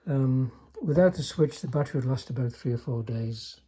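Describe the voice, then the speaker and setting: In a relaxed hands-on demo of a restored chassis, an older radio repairer speaks hesitantly and understatedly, his remarks tailing off. The voice is mid-range and dark with a breathy edge, moving at normal speed.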